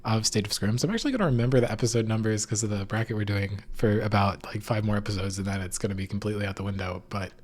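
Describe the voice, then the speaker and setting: A man's voice: fairly low pitch, very fast, hardly any pauses. A man hosting a casual esports recap in an informal, hedging way, his voice echoing in an unfurnished room. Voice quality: echoey, reverberant room sound. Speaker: podcast host. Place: echoey unfurnished room at home.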